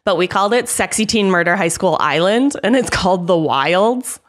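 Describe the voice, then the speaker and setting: Animated woman co-host, lively pitch. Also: moderate pace. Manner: animated, laughs often between phrases. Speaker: podcast co-host. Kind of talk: casual chat.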